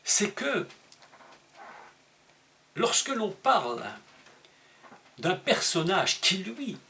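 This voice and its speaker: A man preaching a sermon, emphatic and teaching, asking rhetorical questions and leaping up in pitch on key words. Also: fairly bright tone, slight background noise. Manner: emphatic teaching tone with dramatic pitch leaps and slowed stressed words.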